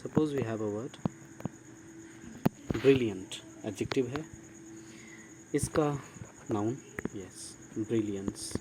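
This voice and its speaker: A man's voice: lowish voice, takes it slowly, long pauses. A man teaching an online grammar lesson, who asks his class questions, praises their answers and spells words out letter by letter. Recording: steady insect and cricket noise behind.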